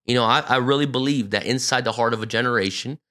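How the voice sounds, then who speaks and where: A man's voice: medium pitch, fast talker, bright, forceful tone. A man in his forties from Brazil, a pastor speaking on a podcast, telling his personal story in an earnest way with many fillers and restarts. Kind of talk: reflective personal testimony.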